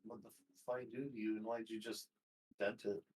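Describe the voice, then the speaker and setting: A man's voice: lowish voice, level tone, moderate pace, a little mellow, rough recording. A man playing a tabletop game with friends, joking and laughing often as he talks from his home setup. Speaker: player. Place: home setup with a camera on a tripod.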